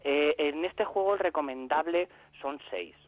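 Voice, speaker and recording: A man's voice: fairly high pitch, measured pace, dry recording, phone-quality sound. A man from Spain, a regular contributor, explaining role-playing games on a radio show in a hesitant way, full of fillers and restarts. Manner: hesitant, many fillers and repeated words. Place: Salamanca, away from the studio.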